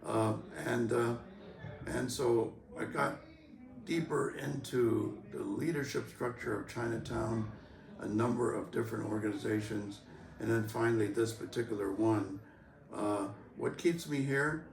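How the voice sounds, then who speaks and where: An older man from San Francisco speaking in an interview, measured and halting with many pauses and fillers. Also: medium pitch, creaky. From San Francisco, USA. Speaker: interviewee, longtime organization member. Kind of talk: recorded interview. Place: convention venue, crowd behind. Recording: roomy, from a distance.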